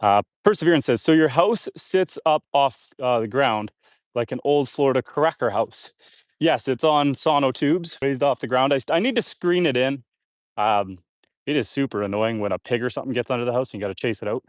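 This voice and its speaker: A Canadian man live-streams from his homestead, chatting casually outdoors while he builds and pausing to read viewer comments aloud. His voice is medium-pitched, brisk, and slightly nasal and congested. The sound is dry, with no room echo.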